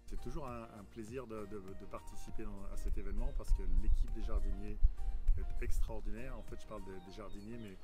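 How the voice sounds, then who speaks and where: A French-born man, a land artist, speaking in an interview with some halting pauses. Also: fairly low pitch, steady tone. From France. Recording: music playing underneath.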